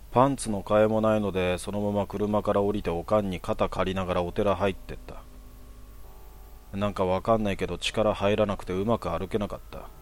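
A young man telling a personal horror story in a hushed, casual way. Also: on the low side, slight background noise.

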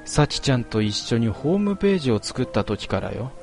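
A man voicing a gentle, sad-eyed middle-aged mother who speaks softly and kindly in a story reading. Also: mid-range voice, very animated, fairly quick, gravelly, soft background music. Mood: gentle, caring. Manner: soft, kindly, concerned.

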